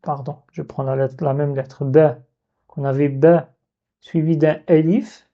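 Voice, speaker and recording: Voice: medium pitch, level tone, measured pace. A teacher giving a step-by-step language lesson, patiently repeating key points and drawing out example sounds. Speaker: Arabic teacher. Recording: dull lo-fi recording.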